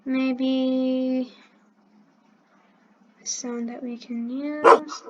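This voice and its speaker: High-voiced woman talking through a coding tutorial. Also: steady tone, drawn-out words, highs cut off, a loud crowd. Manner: thinks aloud step by step, correcting herself as she clicks. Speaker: channel host teaching coding. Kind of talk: screen-recorded coding tutorial.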